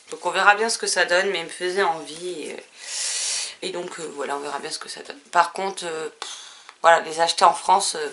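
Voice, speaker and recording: A woman's voice: sits low, fairly bright tone. A woman vlogger chatting casually about her book purchases, rambling and full of hesitations. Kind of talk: casual book haul chat.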